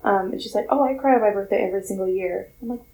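Talking very fast in a warm, mid-range voice, this twenty-something podcast co-host keeps the chat casual and laughs a lot. The recording carries a roomy echo.

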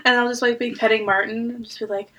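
A woman's voice: fairly high pitch, level tone, fast, over a noisy crowd, rough recording. A woman co-hosting a podcast in casual chat, chatty and laughing, with lots of "like". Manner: chatty, laughing, filler-heavy. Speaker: podcast co-host.

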